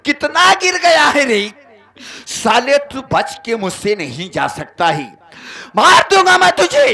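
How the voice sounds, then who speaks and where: A man's voice: extremely high pitch, big pitch swings, measured pace, sharp tone, exaggerated voice. A man playing a betrayed, hot-tempered brother in a folk stage drama, declaiming melodramatically to the audience. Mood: enraged.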